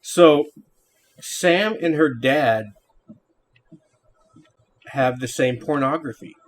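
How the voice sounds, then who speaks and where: A man's voice: mid-range voice, very slow. A middle-aged man hosting a gameplay series, talking casually as he reviews a game.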